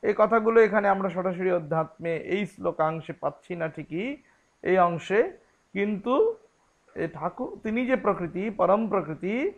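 A man with a Bengali accent teaching scripture, chanting Sanskrit verses and explaining them word by word in a deliberate lecture. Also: high voice, lively intonation, muffled recording.

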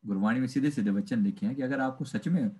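A man's voice: mid-range voice, fast talker. A man, a life coach, giving a spiritual motivational talk and acting out little dialogues as he goes. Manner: animated, acts out dialogue, mixes in English phrases.

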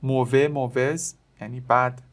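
A man with a Persian accent runs a beginner French lesson. He pronounces each word clearly, then translates it. Now and then he speeds up for short asides to his students. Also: mid-range voice, fairly even intonation. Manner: reads each French word, then gives its meaning, with quick asides to viewers. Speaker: French teacher.

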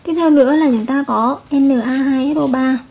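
A woman's voice: sits high, normal speed, darkish tone, slight background noise. A woman chemistry teacher giving a recorded video lesson, patiently repeating each point and checking with her students.

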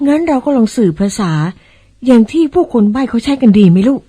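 A woman's voice: on the high side, expressive, quick pace, dark tone, breathy edge. A woman acting in an old-style radio drama as a fussy, easily startled mother who exclaims and wonders aloud. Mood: puzzled.

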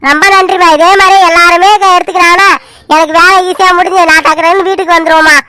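A woman's voice: very high-pitched, steady tone, fast, bright, forceful tone. A woman doing a chatty cartoon saree seller. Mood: polite. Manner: polite, talkative, thankful. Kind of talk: animated cartoon serial voice.

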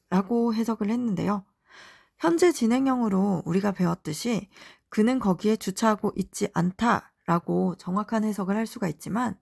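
Gravelly-voiced female English teacher. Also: medium pitch, a little mellow. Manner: friendly, explanatory. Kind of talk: lesson narration.

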